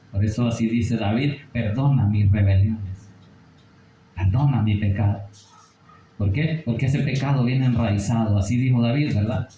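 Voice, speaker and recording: A man's voice: lowish voice, dark tone, roomy sound, a little hiss or hum, poor audio. A man preaching a Bible study sermon, asking rhetorical questions and checking in with his listeners. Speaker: pastor.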